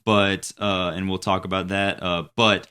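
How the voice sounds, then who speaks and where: A young man in his twenties chats loosely as a podcast co-host, his voice sitting deep and low. He rambles along, circling back through fillers and restarts as he works out his thoughts. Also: level tone, unhurried, sharp tone, smooth. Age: 20s. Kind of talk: casual chat.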